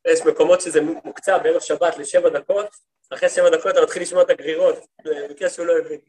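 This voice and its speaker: A man with a fairly high voice teaches a class as a rabbi. He tells his stories in a lively way, playing out the lines of the people in them, and he keeps turning to his listeners with questions. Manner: lively storytelling, acts out quoted speech. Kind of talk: lecture to a women's study group.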